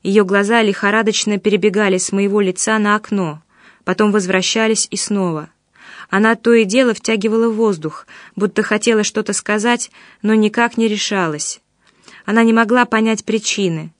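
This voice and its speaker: A woman reading an audiobook in a steady, measured way. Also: medium pitch, dry recording, studio quality. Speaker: narrator.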